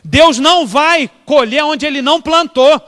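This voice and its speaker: A Brazilian pastor preaches in a strikingly high, bright voice. He tells his story animatedly and keeps asking the congregation questions. His voice rings with the long reverb of a church hall. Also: unhurried. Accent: Brazilian Portuguese. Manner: animated, acts out dialogue, asks the congregation questions. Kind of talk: storytelling sermon.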